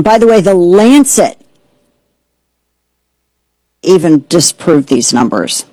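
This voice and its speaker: A woman hosting an opinionated political commentary show, sarcastic and mocking, with quick asides. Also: lowish voice, a little mellow, dry recording, low-quality recording. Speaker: host.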